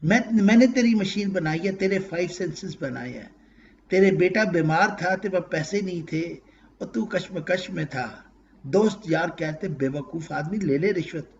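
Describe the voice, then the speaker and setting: A man giving an emotional religious lecture, swinging between loud exclaims and hushed phrases and reciting verses in Arabic. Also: high voice, lo-fi sound, a little hiss or hum. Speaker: Quran lecturer.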